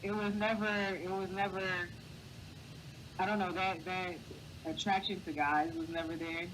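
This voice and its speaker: Appearing as a guest in a relaxed interview, this man gives heartfelt, encouraging advice in a high, light, boyish voice. His delivery is flat and his pace moderate, with clear background noise on the recording.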